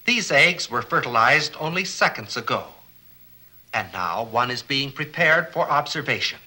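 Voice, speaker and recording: A man's voice: medium pitch, lively intonation, normal speed, bright, forceful tone, poor audio. A man giving scripted educational documentary narration in an earnest, explanatory way, often posing rhetorical questions. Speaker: film narrator.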